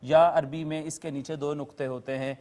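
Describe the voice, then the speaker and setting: High-pitched guy teaching a quran class, patient, spells out every term and repeats it for viewers. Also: level tone, darkish tone. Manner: patient, methodical, repeats key terms with definitions; addresses viewers politely. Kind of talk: lecture explaining Arabic letters and recitation rules.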